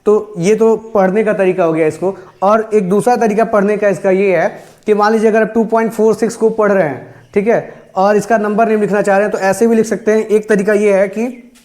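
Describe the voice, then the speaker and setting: Man teaching math, high voice, asks and answers his own questions, stresses each number. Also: steady tone, brisk, a little mellow. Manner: mixes English math terms into Hindi. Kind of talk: classroom math lesson.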